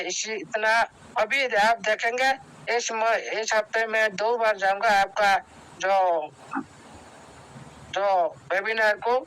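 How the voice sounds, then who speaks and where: Bright, clear-voiced man giving a pep talk. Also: high-pitched, rough recording. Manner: exhorting, repetitive, halting with restarts. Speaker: team leader speaking in an online meeting. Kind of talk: motivational speech to a group. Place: online meeting. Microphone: video call.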